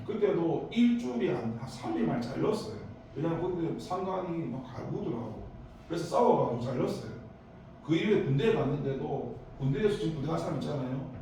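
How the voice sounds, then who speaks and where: A pastor with a Daegu Korean accent preaches a youth service sermon in a church sanctuary, his fairly high, dark-toned voice brisk and swinging widely in pitch. He tells stories with sudden bursts of emphasis and rambling asides, heard off-mic in an echoey hall with slight background noise.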